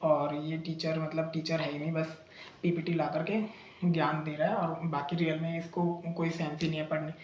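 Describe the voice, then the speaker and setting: A man's voice: fairly high pitch, little pitch movement, moderate pace, reverberant, highs cut off, slight background noise. A young man in casual vlog storytelling, retelling a bad experience in a chatty, indignant way, full of fillers and restarts. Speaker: vlogger recounting a bad coaching experience.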